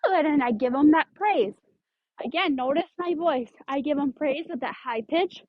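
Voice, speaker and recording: High-voiced woman teaching dog training. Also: moderate pace, no echo, dull audio. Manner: explains step by step, gives firm short commands in a lower voice. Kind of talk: instructional demonstration.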